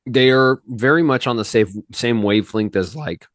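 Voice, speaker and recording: A man's voice: medium pitch, normal speed, fairly bright tone, dry recording, studio quality. A man hosting a faith podcast in a loose, rambling, slangy manner, with many restarts. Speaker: podcast host. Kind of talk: casual podcast chat.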